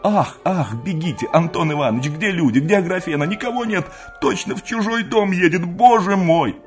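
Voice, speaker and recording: A man's voice: mid-range voice, lively intonation, normal speed, darkish tone, soft background music, pitched above the performer's own voice, natural voice. A man voicing an old woman, a doting and anxious country mother who cries and laments emotionally. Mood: frantic excitement. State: crying.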